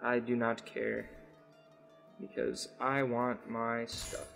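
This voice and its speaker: A young man with a sick, croaky voice, hosting casual gameplay commentary and rambling with lots of ums and uhs. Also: mid-range voice, level tone, slow pace, fairly bright tone, faint music behind. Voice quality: rough, croaky voice. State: sick, under the weather. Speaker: gaming channel host.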